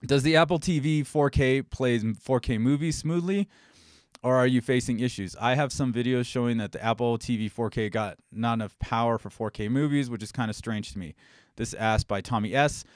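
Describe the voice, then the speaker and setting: A man's voice: mid-range voice, brisk, dry recording, studio quality. A man hosting a live-stream Q&A, chatting loosely and getting heated and swearing as he rambles. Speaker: host.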